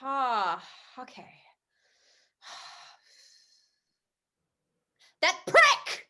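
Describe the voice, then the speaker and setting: A heartbroken young female sports reporter, sharp-tongued and sarcastic, as an actress reads her in a comedy play reading. Her voice sits high and bright, and she swings into emotional outbursts. It is heard over a video call. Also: expressive, moderate pace. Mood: tearful.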